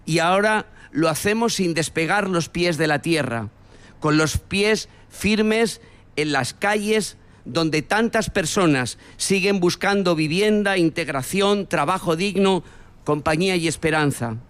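A man's voice: high voice, fairly bright tone, smooth. Solemn man giving a formal address. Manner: slow, solemn, with pauses. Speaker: speaker at a church event.

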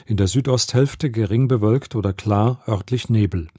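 Dark-voiced male radio newsreader. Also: fairly low pitch, breathy edge, no echo, clean studio sound. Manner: measured, formal delivery. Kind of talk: scripted radio news reading. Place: radio studio.

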